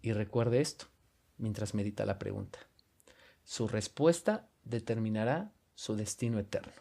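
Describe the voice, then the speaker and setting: A man with a Mexican Spanish accent preaching a sermon and reading scripture aloud in an earnest, measured way with emphatic stresses. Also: fairly low pitch, gravelly, mellow.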